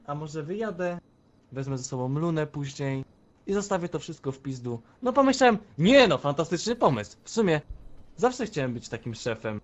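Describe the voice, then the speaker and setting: A man's voice: fairly high pitch, highs cut off. A man playing a gloating gang traitor. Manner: taunting and confrontational. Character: scheming male gang member who betrays his boss. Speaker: role-play gamer. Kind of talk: online game role-play.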